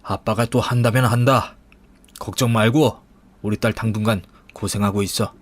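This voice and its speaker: Man doing a protective older father, firm, reassuring, steady. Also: fairly low pitch, normal speed, natural voice.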